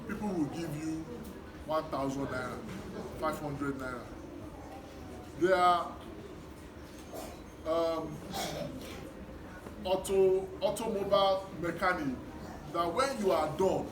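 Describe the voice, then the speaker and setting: A middle-aged man with a Nigerian accent gives a motivational talk to schoolchildren, speaking deliberately in short, emphatic, repeated phrases. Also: on the high side. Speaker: guest speaker, education worker. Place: echoey room at a live children's event. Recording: distant mic, echoey noisy room. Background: noise, small children.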